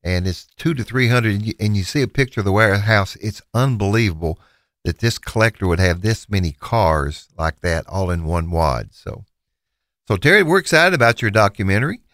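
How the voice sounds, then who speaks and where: Um homem com sotaque do sul dos Estados Unidos, apresentador e leiloeiro, falando num bate-papo de rádio cheio de hesitações e recomeços. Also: male voice, low voice, moderate pace, no room sound, studio quality. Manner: rambling, many restarts and fillers. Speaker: auctioneer and radio host. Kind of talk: casual radio talk.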